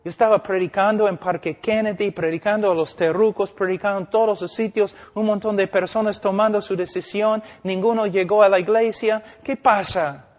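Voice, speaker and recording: An older man delivers an emphatic sermon, pausing for effect and acting out quotes as he preaches. His voice sits fairly high for a man. The recording carries a long reverb, like a big hall. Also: fairly even intonation. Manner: emphatic, preaching with dramatic pauses and acted-out quotes. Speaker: preacher and missionary.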